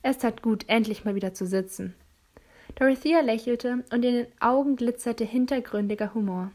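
A woman reading a novel aloud as an audiobook, narrating in a calm, even way. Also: fairly high pitch, moderate pace. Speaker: audiobook reader. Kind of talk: storybook narration.

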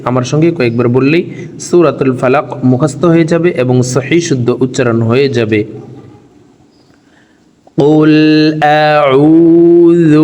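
A man teaching a recitation lesson, explaining pronunciation slowly word by word and drawing out chanted verses. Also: mid-range voice, a little mellow, long reverb tail. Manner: slow, drawn-out chanting of verses between spoken explanations.

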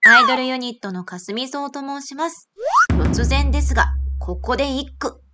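A woman's voice: high-pitched, moderate pace. A young adult woman, an idol vlog host, narrating her outing over music.

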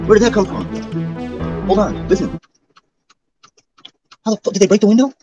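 A man's voice: high voice, normal speed, dull audio, over music. A man live-streaming in casual talk, muttering and cursing with irritation.

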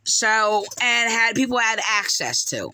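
A woman's voice: on the high side, big pitch swings, unhurried, pushed and bright, clear, resonant tone, low-quality recording. A middle-aged woman talking casually into a phone held close in a dim room, commenting on scripture with many fillers, restarts and hesitations. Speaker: video commentator. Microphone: phone held close to face.

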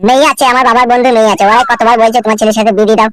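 A woman's voice: on the high side, little pitch movement, very fast, clear, resonant tone, dry recording, natural voice. A woman voicing a naive, rambling young man in a comic cartoon. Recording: background music.

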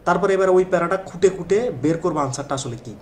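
Fast-talking male exam tutor. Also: high voice, a little hiss or hum. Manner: chatty, repeats points, addresses students directly. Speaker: admission test tutor. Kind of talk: casual exam-prep lecture.

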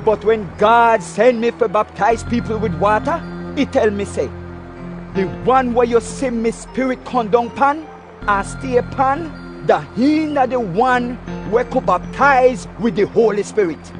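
Fervent desert prophet, very high voice, Belizean Kriol accent, declamatory film dub, music behind. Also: male voice, measured pace. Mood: earnest testifying. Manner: earnest, declamatory. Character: fervent male desert prophet, long-haired preacher. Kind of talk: dubbed film dialogue.

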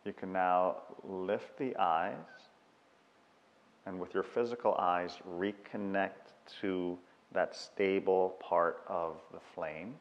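A man guides a meditation in a very low, steady voice, speaking very slowly and measuring each instruction with long pauses. A long, lingering reverb hangs on the lo-fi sound.

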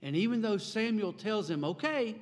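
A pastor in his forties preaches from a pulpit microphone. His fairly high voice climbs sharply when he stresses a point, and the delivery stays emphatic throughout. Long reverb from the church sanctuary hangs behind every phrase. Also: lively intonation, normal speed. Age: 40s. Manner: emphatic, gesturing widely, rising for emphasis. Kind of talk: sermon. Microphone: stand mic at a pulpit.

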